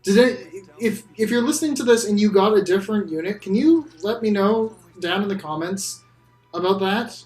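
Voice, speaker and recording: A man's voice: high-pitched, normal speed, darkish tone, roomy sound, faint music behind. A man hosting a casual game discussion, speaking candidly and bluntly and swearing freely. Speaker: channel host.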